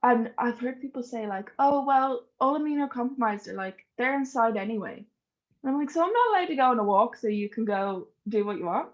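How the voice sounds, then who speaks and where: Her fairly high voice moves briskly with lively intonation as this young adult woman, Irish-accented, tells personal stories on a podcast. She's an informal, chatty guest who laughs easily, and the recording's highs are cut off.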